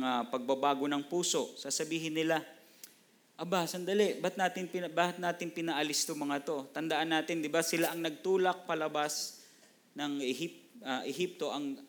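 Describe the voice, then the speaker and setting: Conversational Filipino pastor preaching a sermon. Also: male voice, fairly high pitch, a bit bright. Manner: conversational, peppers lines with "no?" and English phrases. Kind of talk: Bible teaching sermon.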